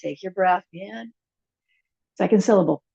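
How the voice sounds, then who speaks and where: A woman teaching a chair yoga and meditation class, giving gentle, unhurried cues with soft asides. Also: medium pitch, creaky, breathy edge, lo-fi sound. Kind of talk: guided yoga class instruction.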